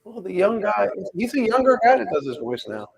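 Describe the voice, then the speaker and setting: Gravelly-voiced man chatting casually. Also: sits high, fairly quick, a little hiss or hum, rough recording. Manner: relaxed, rambling, thinking aloud. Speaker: pin collector host. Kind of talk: casual chat while hanging pins.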